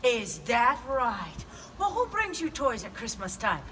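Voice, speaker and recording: Woman playing La Befana, a high-voiced Italian witch. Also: sing-song, a little slow, pushed and bright, recorded from a distance, a little hiss or hum, full character voice. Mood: playful coaxing. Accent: Italian (put on). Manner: theatrical, coaxing, asks the audience questions. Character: kindly old Italian witch, the gift giver. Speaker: storyteller for children. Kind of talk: live in-character storytelling.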